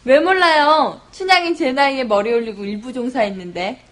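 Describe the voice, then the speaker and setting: A woman's voice: high-pitched, normal speed, natural voice. An actress playing a cheeky young woman in a Korean TV drama, speaking in a pert, teasing way. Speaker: drama character. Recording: noisy drama clip from speakers.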